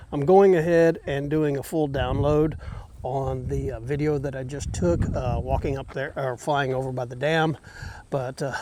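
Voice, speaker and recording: Guy vlogging outside on his action cam, kinda high voice, rambly with lots of uhs, hiccupy. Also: a little mellow, slight background noise. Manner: chatty, rambling, many filler words. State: has the hiccups. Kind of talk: casual solo vlog. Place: outdoors by a lake dam. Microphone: action camera held by the vlogger.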